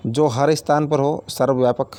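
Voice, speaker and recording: A man's voice: mid-range voice, fairly even intonation, normal speed, dark tone, smooth, no room sound. A man teaching a grammar lesson, explaining each word with everyday examples and repeating key terms, addressing viewers as friends.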